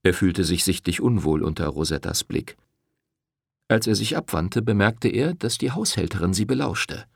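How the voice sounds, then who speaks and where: A man narrating an audiobook with expressive storytelling. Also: low-pitched, moderate pace, gravelly, no echo, studio quality.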